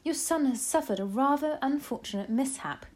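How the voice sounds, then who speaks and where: A woman voicing a calm, plain-spoken old grandmother in a storybook, measured, firm and matter-of-fact. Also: high-pitched, voice pushed up.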